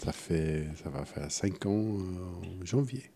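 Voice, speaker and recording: A man speaks casual French in a very low, mellow voice. He talks haltingly, restarting phrases and letting them trail off quietly, as a brewer being interviewed. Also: expressive. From United States (Kansas). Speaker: brewer, guest.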